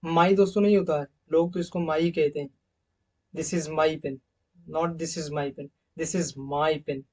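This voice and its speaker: A man's voice: fairly high pitch, flat delivery, unhurried, a little mellow, far from the mic. A man teaching English pronunciation, saying each sound several times over and calling viewers his friends. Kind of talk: recorded slide lesson on pronunciation.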